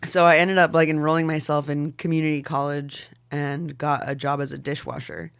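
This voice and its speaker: A woman's voice: low voice, flat delivery, brisk, creaky, smooth. A woman in her forties from Oregon, a podcast guest talking in loose, casual chat full of "like"s and the odd swear word. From Oregon, Pacific Northwest. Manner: loose and chatty, many "like"s and fillers, swears casually. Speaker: podcast guest, fashion designer.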